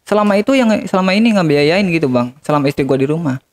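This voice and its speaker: Talking fast, a man with a fairly high, darkish and expressive voice confesses something he regrets while being interviewed. He keeps addressing the host as "Bang" throughout.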